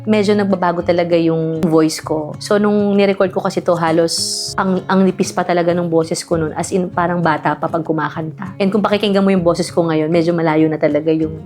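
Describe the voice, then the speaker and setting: A woman's voice: lowish voice, fairly even intonation, brisk, a little mellow, soft background music. A woman from the Philippines in her thirties, vlogging in a playful, teasing way, laughing often and mixing in English. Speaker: vlogger, singer. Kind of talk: casual vlog reading comments.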